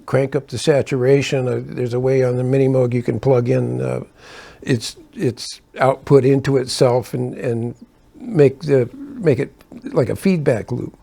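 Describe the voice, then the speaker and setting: Gravelly older man telling road stories. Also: mid-range voice, steady tone, unhurried, dark tone. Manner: rambling, self-correcting, chuckles between asides. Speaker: keyboard player telling tour stories. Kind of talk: casual anecdotal storytelling.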